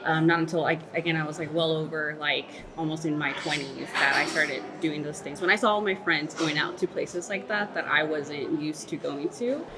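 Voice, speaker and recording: Background noise fills this clip of a thirtysomething woman, born in Mexico and raised in Texas, giving a thoughtful, candid interview peppered with "like" and "um." She speaks in a low voice at a moderate pace, pausing little.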